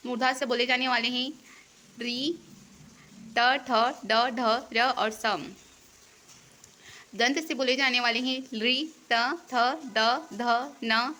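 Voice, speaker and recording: Woman teacher, fairly high bright voice, steady read-aloud definitions for an exam-prep lesson. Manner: reads definitions in a steady, deliberate teaching cadence.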